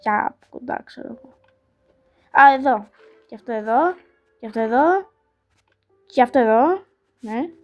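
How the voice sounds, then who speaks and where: A woman with a slightly high voice hosts her own small channel, thinking aloud as she plays a puzzle game. She talks casually and repeats little words as she weighs each move. Now and then she apologises to her viewers and makes fun of her own playing. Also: animated, long pauses, a little mellow, soft background music. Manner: self-mocking and apologetic toward viewers. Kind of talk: casual gameplay commentary.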